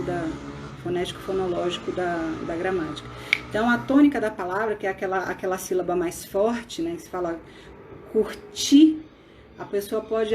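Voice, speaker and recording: A woman's voice: medium pitch, a little mellow, a little hiss or hum. A woman with a Brazilian Portuguese accent giving a live online grammar lesson, explaining step by step and often checking in with "né?". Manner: explanatory, frequent "né?" tag questions and restarts.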